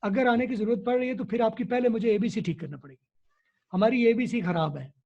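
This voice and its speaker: A man talks like a teacher, repeating key words so they stick. His voice is high for a man yet mellow and husky. The recording sounds dull and lo-fi. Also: a little fast. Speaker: English teacher. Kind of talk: explanatory interview answers.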